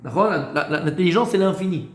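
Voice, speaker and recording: A fast-talking rabbi with a high-pitched male voice and lively intonation teaches a Torah class in an echoey room. He puts questions to his students and answers them himself, using hesitant fillers and repeating words.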